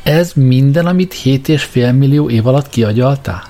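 A man's voice: mid-range voice, warm tone, soft background music, pitched above the performer's own voice, close to an everyday voice. Man doing an agitated, impatient programmer. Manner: agitated, raised and urgent. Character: anxious excitable male programmer, impatient.

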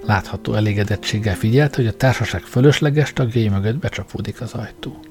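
Brief: a calm male audiobook narrator, mellow and warm, faint music in the background. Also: lowish voice. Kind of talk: scripted novel reading.

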